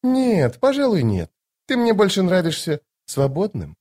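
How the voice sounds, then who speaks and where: Brief: male reader doing imperious, flirtatious sorceress woman, high lilting voice, mocking and commanding. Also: huge pitch swings, measured pace, dark tone, full character voice. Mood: coquettish. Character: haughty, teasing sorceress woman, playful and imperious. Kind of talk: audiobook character voice.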